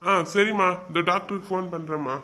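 A man's voice: high-pitched, fairly even intonation, fairly quick, bright, forceful tone, a little hiss or hum. A man playing a grumbling grown son and husband in a comedy skit, brushing off his mother's lectures.

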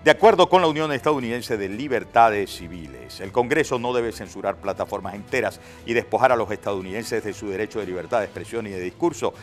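A man's voice: lowish voice, quick pace, few pauses, faint music behind. A man hosting a morning news talk show, commenting emphatically and stacking words for effect. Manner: animated, emphatic, piles up words.

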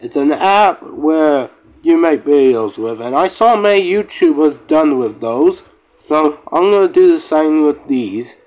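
A man making a casual vlog for his channel, talking in a halting, rambling way with frequent restarts and swearing. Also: fairly high pitch, animated, darkish tone, rough recording. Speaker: YouTuber. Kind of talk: casual vlog rant to viewers.

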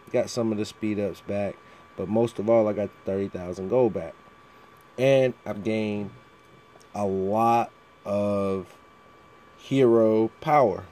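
A man with a lowish, warm voice narrates a relaxed mobile game walkthrough. A fan runs behind him, creating slight background noise, and he keeps clearing his throat.

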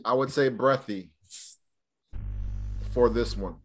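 A man's voice: mid-range voice, takes it slowly, a little mellow, faint music behind. A man teaching a live online Hebrew class, speaking casually and drilling students with questions.

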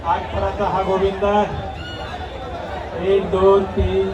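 A man's voice: high voice, monotone, slow pace, distant mic, lo-fi sound, background noise. A man acting as event announcer at an outdoor street festival, talking over a PA system and urging and directing the crowd. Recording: echoey loudspeaker heard from afar amid a loud crowd.

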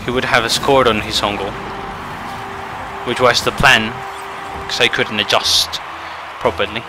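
A man giving frustrated gameplay commentary, swinging between muttering and shouting. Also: mid-range voice, steady tone, unhurried, music in the background, low-quality recording. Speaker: gaming channel host.

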